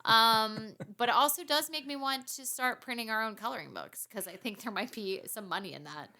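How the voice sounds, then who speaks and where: Woman, 40s, podcast host; bright, casual, self-mocking talker. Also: fairly high pitch, brisk. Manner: chatty and self-mocking, laughs often. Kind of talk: casual chat.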